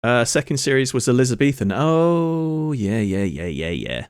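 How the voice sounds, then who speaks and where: A man's voice: mid-range voice, sing-song, moderate pace, clean tone, no echo, studio quality. A man streaming live, rambling through joking asides as he watches a clip. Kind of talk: casual live-stream commentary.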